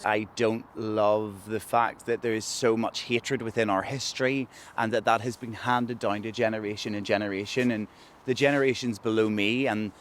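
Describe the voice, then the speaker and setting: Low-voiced Northern Irish man, reflective. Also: steady tone, normal speed. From Northern Ireland. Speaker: interviewee. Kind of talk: documentary interview. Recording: light background noise.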